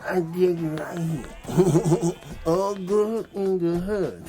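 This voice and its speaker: A man voicing a streetwise young male puppet, muffled and lisping, with slangy, relaxed banter and music behind. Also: high-pitched, very slow. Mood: joking.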